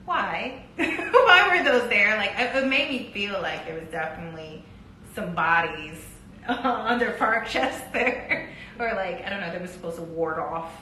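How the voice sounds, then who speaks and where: A chatty woman from New with a bright, crisp voice. She laughs easily as she chats. The room is echoey, with a faint hiss behind her. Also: mid-range voice, lively intonation, measured pace. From New York. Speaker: podcast co-host. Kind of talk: casual chat.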